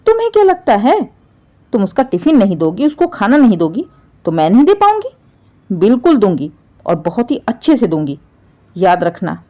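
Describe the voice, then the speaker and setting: A woman's voice: warm tone, muffled recording. A woman voicing an older, domineering mother-in-law who scolds indignantly and complains tearfully. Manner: shrill, scolding, rises sharply.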